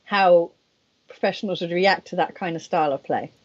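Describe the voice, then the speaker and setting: A professional mahjong player co-hosts a casual stream, chatty and self-deprecating, speaking at normal speed in a lowish voice. The stream audio is dull and lo-fi.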